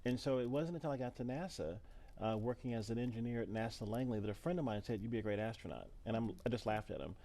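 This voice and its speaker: A man's voice: mid-range voice, quick pace, dark tone. A man in his fifties telling personal stories conversationally as a broadcast commentator, acting out quoted lines. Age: 50s. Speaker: former astronaut, broadcast commentator. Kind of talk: conversational storytelling.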